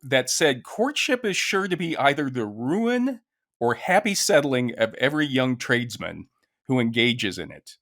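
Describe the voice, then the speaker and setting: Male co-host, mid-pitched and very animated, easygoing and jovial as he shares research in casual conversation. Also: unhurried. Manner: jovial, chuckles through his talk. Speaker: podcast co-host. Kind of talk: casual chat, relaying and quoting research.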